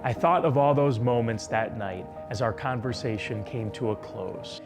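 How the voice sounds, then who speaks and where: A man in his twenties, a TV reporter, narrating a personal story in a soft, reflective voice. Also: mid-range voice, moderate pace. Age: 20s. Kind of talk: scripted narration. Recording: narration over music.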